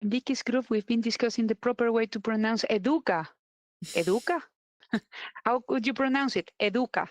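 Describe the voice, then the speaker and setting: A woman with a Spanish accent, Spanish native, co-hosting a live stream in relaxed chat and often pausing to find words. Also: fairly high pitch, no room sound. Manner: relaxed, searching for words, frequent "eh" fillers. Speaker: co-host.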